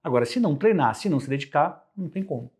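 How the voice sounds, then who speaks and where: A man with a Brazilian Portuguese accent, a guest on a podcast, explaining communication with lively everyday examples. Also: on the high side, rapid-fire, slightly rough. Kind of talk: conversational podcast interview.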